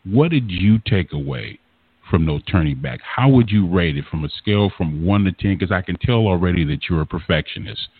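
Deep husky man on a phone line. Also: lively intonation, fairly quick, no echo. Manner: earnest, long winding questions. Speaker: interview host. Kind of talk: interview questions. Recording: dry tinny phone line.

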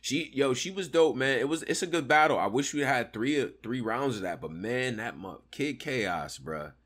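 A man's voice: medium pitch, expressive, moderate pace, fairly bright tone, slightly rough. A man hosting a casual talk show, commenting in slang and repeating phrases for emphasis. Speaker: host of a battle rap talk show.

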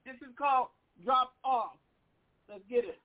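A man's voice: very high-pitched, a little slow. An American man hosting casual radio talk in a brusque, profane way. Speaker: radio show host. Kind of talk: brash casual radio chat. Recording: narrow, phone-like sound.

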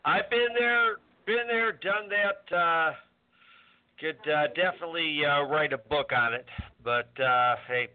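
A man's voice: on the high side, measured pace. A man hosting a casual live radio show, meandering and repeating himself as he talks. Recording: tinny phone-like narrowband audio.

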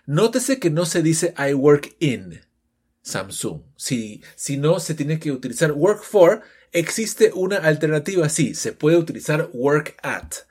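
A male English teacher explains grammar in a lively, animated way. His voice sits slightly high for a man and has a husky edge. He slows right down to model each English example. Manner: switches between Spanish explanation and slow, drawn-out English examples. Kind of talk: recorded lesson explanation.

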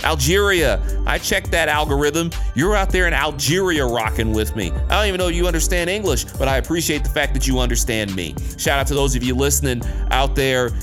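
A man's voice: medium pitch, brisk, few pauses. Man, US podcast host; loose, emphatic solo talk with slang, mid-range voice over light music. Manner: emphatic, repeats phrases for effect. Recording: music behind the voice.

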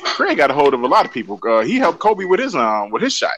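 A man's voice: a little high, wildly swooping pitch, quick pace, noisy background. A man hosting a casual sports podcast, joking and swearing with a guest. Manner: profane, laughing, joking banter. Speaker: podcast host.

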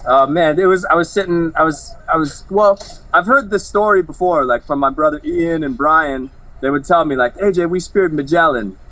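A man's voice: fairly high pitch, moderate pace, a bit bright, low-quality recording. A man, a fighter, chatting casually in an interview in a laid-back, rambling way full of slang and fillers.

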